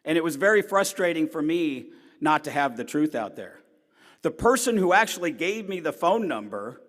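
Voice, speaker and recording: His voice is fairly high, loud and strong as this middle-aged newspaper columnist shares personal stories with an audience. He moves from forceful points to quiet remarks, and the large hall adds a long reverb.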